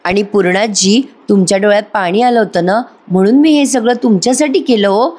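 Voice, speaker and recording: A woman voicing a gentle, devoted young daughter-in-law who speaks softly and respectfully. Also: mid-range voice, fairly quick, natural voice. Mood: heartfelt. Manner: soft, respectful, heartfelt.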